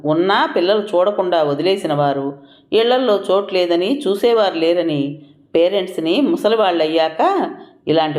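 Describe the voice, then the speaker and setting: A narrator reading a scripted audio story in a steady, expressive storytelling manner. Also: mid-range voice. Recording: roomy echoing room.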